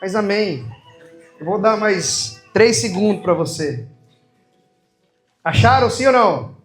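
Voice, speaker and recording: High-voiced Brazilian preacher in an echoey hall. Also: male voice, expressive, faint music behind. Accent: Brazilian Portuguese. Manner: calls for responses from the congregation; reads scripture slowly and solemnly. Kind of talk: sermon. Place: church hall.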